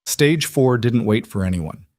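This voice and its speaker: A man doing scripted narration with a measured, dramatic storytelling manner. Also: mid-range voice, expressive, a little mellow, no room sound, clean studio sound.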